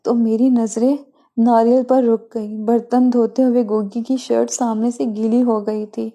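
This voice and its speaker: Mellow-voiced woman narrating a story. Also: on the high side, little pitch movement. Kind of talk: scripted first-person story narration.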